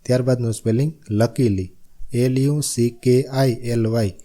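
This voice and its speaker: A man with a Gujarati accent teaches a spelling lesson with a very dark, mellow voice. He spells each word out letter by letter and repeats the meaning in a steady classroom rhythm. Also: mid-range voice, moderate pace. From Gujarat, India.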